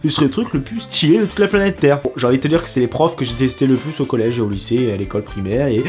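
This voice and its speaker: A man from France with a French accent, hosting a reaction video in crude, excitable, joking commentary. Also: mid-range voice, fast talker, soft background music. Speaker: YouTube host.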